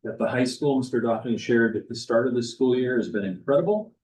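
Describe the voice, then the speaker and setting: A man giving a school board report, reading principals' feedback aloud in a steady manner. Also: medium pitch, quick pace, slight background noise, rough recording. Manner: steady, reads quotes aloud.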